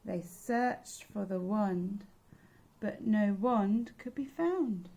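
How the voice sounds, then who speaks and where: A woman childminder reading a picture book aloud to children in an expressive sing-song way. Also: medium pitch, drawn-out words.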